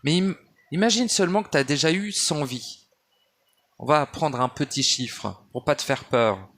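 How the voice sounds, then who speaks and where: A man with a fairly high, slightly slow and somewhat bright voice speaks at home in a loose spiritual monologue. He digresses, restarts often, uses many fillers and addresses the listener as "tu." It is recorded on a handheld phone or basic mic.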